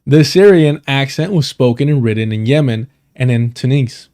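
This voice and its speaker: Reading an article on his livestream, this male host keeps stumbling, fixing his mistakes, and saying sorry. He has a mid-range, dark-toned voice with lively intonation and a moderate pace.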